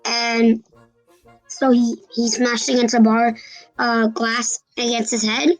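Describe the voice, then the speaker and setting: A child with a congested, stuffy-nosed voice, chatting casually and retelling stories in a halting, repetitive way with restarts. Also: mid-range voice, completely flat delivery, faint music behind, low-quality recording. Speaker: co-host recapping episodes.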